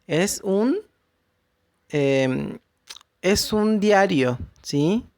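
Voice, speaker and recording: A woman's voice: medium pitch, expressive, extremely slow, darkish tone, dry recording. A woman teacher, explaining English grammar to her pupils and checking after each point that they follow. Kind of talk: recorded classroom lesson.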